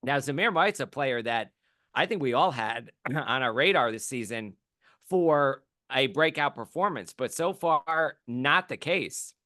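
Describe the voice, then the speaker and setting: Man, fantasy football co-host, bright tense voice, dry close sound, casual. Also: medium pitch, animated, unhurried, dry recording. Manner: conversational, hedging with ums, laughs easily. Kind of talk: casual sports talk.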